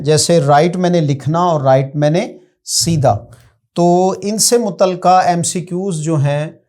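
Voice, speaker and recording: Slow-paced Pakistani male teacher. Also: sits high, darkish tone. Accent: Pakistani Urdu. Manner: slow, explanatory, addresses students directly. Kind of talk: classroom lecture.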